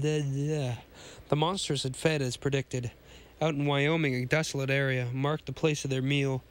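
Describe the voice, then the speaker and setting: With a cold making him hoarse, a man on his podcast reads a pulp science fiction tale aloud, regularly stumbling and going back over lines. His pitch is fairly high.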